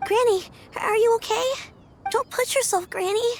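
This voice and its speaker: A woman's voice: very high-pitched, normal speed. A woman voicing a small, earnest, caring grandchild with a childlike voice in a video game. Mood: worried.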